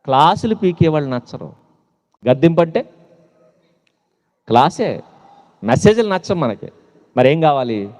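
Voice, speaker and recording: A man's voice: on the high side, big pitch swings, a little slow, long pauses, darkish tone. A man preaching a sermon to young people, asking rhetorical questions and mocking his listeners with teasing asides, with a Telugu accent. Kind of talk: sermon to youth. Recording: long hall reverb.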